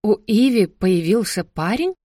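A woman's voice: mid-range voice, lively intonation, a little slow, mellow, dry recording, clean studio sound. A woman voicing an anxious, doting middle-aged mother who asks shaky, eager questions, in a storybook reading. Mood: shocked. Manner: trembling, gasping, eager for gossip.

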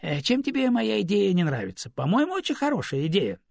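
A man voicing a fussy, book-loving raven in an audiobook, with a high, whiny, pleading manner and a husky voice. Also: wildly swooping pitch, fairly quick, darkish tone, no room sound, clean studio sound, heavily acted. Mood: eager. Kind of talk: audiobook character voice.

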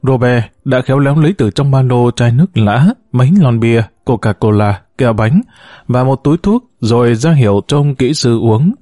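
In a close, dry recording with no reverb, a man narrates a story for an audiobook. He keeps an even, moderate tempo, and his middle-range voice has a mellow, dark quality.

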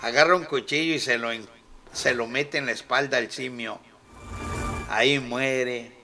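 A man's voice: mid-range voice, fairly even intonation, unhurried, music in the background. A man with a Mexican accent hosting a radio show, retelling a film in casual, profane, rambling talk and laughing often. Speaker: radio host.

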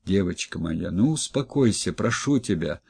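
A man voicing a worn-out middle-aged husband who speaks in a flat, subdued monotone. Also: low voice, moderate pace, creaky, husky, no echo, exaggerated voice. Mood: pleading.

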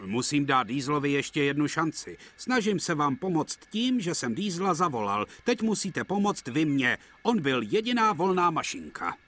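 A man's voice: a little high, very animated, few pauses, a bit bright, pitched above the performer's own voice. A man doing a stern stout railway boss. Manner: firm, authoritative. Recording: broadcast dub with music behind.

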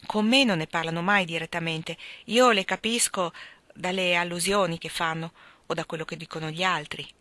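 A woman's voice: fairly low pitch, fairly even intonation, normal speed, sharp tone, no echo. A woman reading as an earnest young sister.

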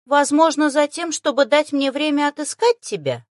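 A woman's voice: mid-range voice, sing-song, moderate pace, dry recording, clean studio sound, natural voice. A woman voicing a small, grumbling, condescending male ghost animal in an audiobook. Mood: lecturing. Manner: condescending, huffy.

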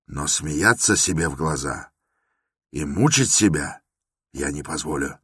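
A man voicing a tense, defiant young ex-student who speaks in clipped, deliberate declarations. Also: a bass voice, animated, a bit bright, slightly rough, no echo, clean studio sound, full character voice. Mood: cold, defiant.

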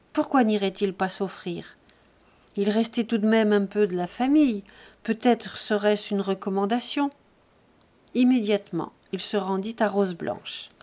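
A woman narrating a classic novel as an audiobook, in an even, measured storytelling voice. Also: medium pitch.

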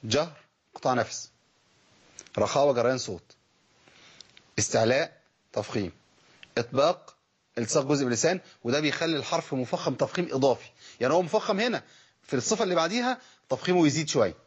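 Egyptian guy teaching recitation, talks fast, asks himself questions and sounds out letters, muffled recording. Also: mid-range voice, animated, slightly rough. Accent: Egyptian Arabic. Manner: explains with rhetorical questions and demonstrates letter sounds. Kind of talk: spoken recitation lesson. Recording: dull lo-fi recording.

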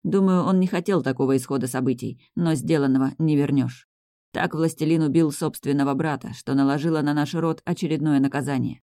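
Woman reading a devoted, remorseful young male mage for an audiobook; low-key, mellow, dry close mic. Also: fairly even intonation, a little fast, dry recording. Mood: grave. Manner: tender, regretful.

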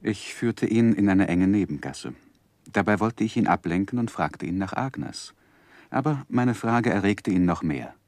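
For a 1960s radio play, an actor portrays a composed, considerate gentleman recounting his life story in measured, literary language. His fairly low voice has lively intonation and sounds calm yet concerned, with no echo in the recording.

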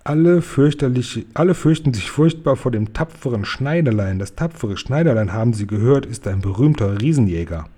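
A man's voice: mid-range voice, expressive, moderate pace, few pauses, warm tone, slightly rough. A man reading a storybook aloud, voicing a friendly old giant who whispers and murmurs warily. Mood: hushed. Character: big friendly old male giant, hushed and wary.

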